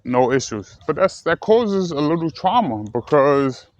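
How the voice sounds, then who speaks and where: A man's voice: a little high, sing-song, unhurried, no echo. A man from the United States talking casually and earnestly to his viewers, rambling and correcting himself as he goes. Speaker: vlogger. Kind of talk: casual personal talk to camera. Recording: slightly dull lo-fi recording with faint ambient noise.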